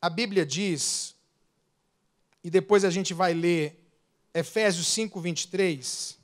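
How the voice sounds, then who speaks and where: A man with a Brazilian accent, a pastor preaching a sermon with animated delivery, swelling loud then dropping into quick asides. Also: high voice.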